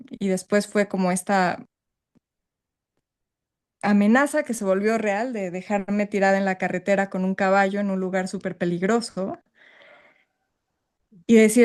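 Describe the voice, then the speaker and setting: A woman workshop participant, heard through her video call mic, shares with the group in an ordinary mid-range, darkish voice. Stirred up, she gropes for words, candid and thoughtful.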